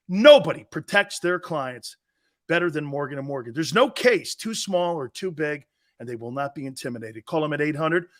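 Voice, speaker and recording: With a high, slightly bright voice, a middle-aged host spins stories on a sports talk show, laughing and acting out other people's voices. He then shifts to reading an ad.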